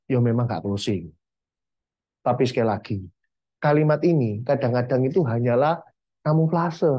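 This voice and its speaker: A man's voice: fairly high pitch, darkish tone, dry recording. A man with an East Javanese accent giving a blunt motivational sales training talk to insurance agents, mixing in English terms.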